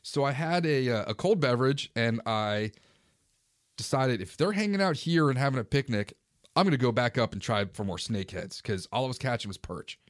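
A man's voice: medium pitch, a little fast, no room sound, clean studio sound. Man in his forties telling a fishing story. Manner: relaxed, conversational recounting. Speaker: fishing vlogger. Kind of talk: casual first-person storytelling.

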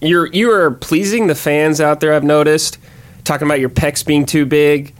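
A man's voice: fairly high pitch, steady tone, normal speed. A man hosting a gaming podcast, friendly and joking dryly in casual chat. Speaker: podcast host.

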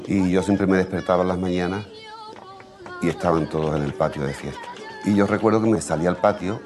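A flamenco guitarist from Andalusia, Spain, speaking with an Andalusian accent in a low voice, reflects on his childhood memories in an unhurried storytelling interview. He acts out family quotes in raised voices, while flamenco guitar music and a crowd sound in the background.

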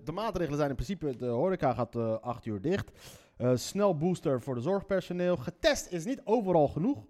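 A man's voice: on the high side, dark tone. A man with a slightly Moroccan-tinged Leiden accent, hosting a show and reading the newspaper aloud in loose, rambling chat full of swearing and tangents. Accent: Leiden Dutch, slightly Moroccan-tinged.

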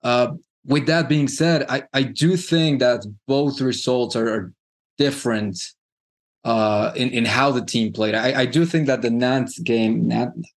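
A man co-hosting a casual sports podcast, halting with frequent restarts and fillers. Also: medium pitch. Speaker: podcast co-host.

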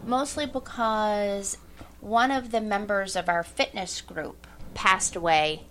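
A woman hosting a casual group discussion and gently prompting others with follow-up questions. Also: medium pitch, slow, a little hiss or hum, low-quality recording. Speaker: group facilitator and host.

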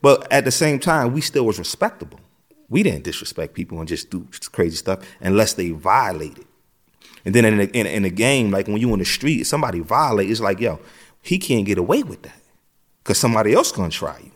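Streetwise man telling his story, low voice. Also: very animated, fairly quick. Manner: streetwise, repeats phrases, frequent "you know what I'm saying". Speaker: interview guest. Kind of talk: casual storytelling.

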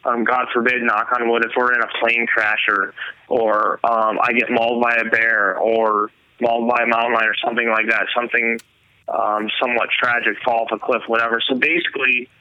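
A man talks through how he makes his films, rambling with fillers and restarts. His voice is very bright and forceful. The recording is dry, with dull lo-fi sound. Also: medium pitch, little pitch movement, brisk, no echo. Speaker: hunting filmmaker guest. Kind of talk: casual interview talk.

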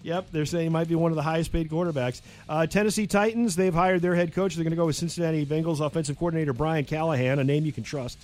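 A man's voice: a little high, fairly even intonation, quick pace, few pauses, a little mellow. A man hosting a casual sports news segment, reading scores and headlines conversationally with wry, sarcastic asides. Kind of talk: casual radio-style sports news with banter.

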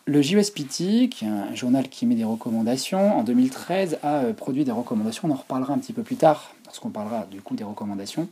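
Mellow, husky French lecturer. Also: male voice, mid-range voice, lively intonation, fast, hardly any pauses. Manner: informal, explanatory teaching tone. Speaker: physiotherapy lecturer. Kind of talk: online lecture with slides.

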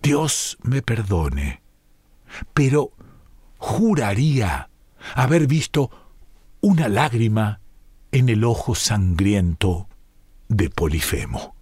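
A man reading a short story aloud in a measured, expressive way. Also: lowish voice, breathy edge, dry recording, studio quality. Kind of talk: scripted story narration.

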